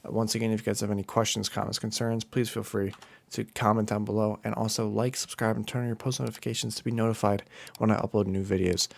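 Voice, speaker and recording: A man's voice: fairly low pitch, level tone, fast talker, gravelly. A tired young man casually talking his viewers through crypto price charts, rambling with fillers and restarts. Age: young adult. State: tired from lack of sleep. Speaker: crypto YouTuber. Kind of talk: casual screen-share commentary.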